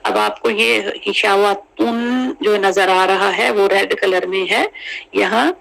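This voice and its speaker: This is a recitation teacher leading a tajweed lesson with a heavily gravelly, creaky voice. The delivery is unhurried and deliberate, and single syllables are drilled over and over with English teaching words mixed in. The pitch sits in an ordinary middle range. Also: fairly bright tone, rough recording. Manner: drills syllables slowly, repeating each sound many times; mixes in English teaching terms.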